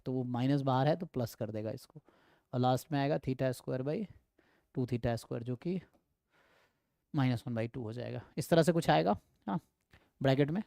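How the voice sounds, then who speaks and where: A man's voice: fairly high pitch, vocal fry, dark tone, clean tone, no room sound, clean studio sound. A man teaching statistics, walking through exam problems and checking in with his students often. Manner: explanatory, frequent "है ना" check-ins, mixes English terms. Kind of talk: exam problem walkthrough lecture.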